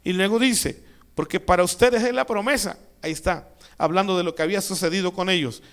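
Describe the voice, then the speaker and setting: A man preaches a sermon, his voice sitting high for a man. He builds to emphatic peaks, then falls back into quiet asides. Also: brisk. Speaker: pastor.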